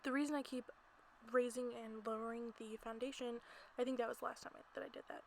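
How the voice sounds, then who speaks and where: This gameplay voiceover comes from an amateur creator in a small closet at home, talking fast in a fairly high, gravelly voice with a steady tone. Her commentary is casual, rambling, and giggly, and noticeable background noise sits under it.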